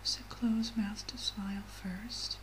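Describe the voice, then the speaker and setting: A woman in a soft, breathy whispered role-play as a medical examiner, giving gentle, reassuring instructions. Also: medium pitch, steady tone, slow pace, low-quality recording. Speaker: ASMR performer playing a medical examiner. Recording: clearly audible background noise.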